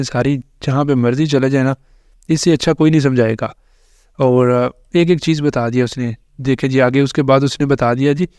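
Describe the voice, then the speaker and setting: A man, explaining English grammar and pronunciation slowly and repetitively in a tutorial. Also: medium pitch, a little mellow, dry recording. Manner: slow, repetitive explaining with frequent fillers. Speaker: English teacher. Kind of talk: screen-recorded tutorial explanation.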